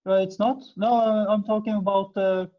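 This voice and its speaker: A woman's voice: mid-range voice, level tone, normal speed. A woman casually hosting an online meeting and moving it along. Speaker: meeting host. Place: video call. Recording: dull video-call audio.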